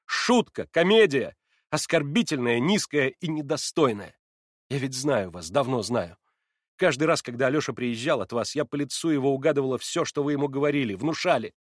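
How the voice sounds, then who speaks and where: A man's voice: mid-range voice, animated, moderate pace, no echo, studio quality, natural voice. Natasha, a man voicing a bitter young woman. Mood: bitter accusing. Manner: impassioned, reproachful. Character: proud wounded young woman, accusing and bitter. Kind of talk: audiobook reading.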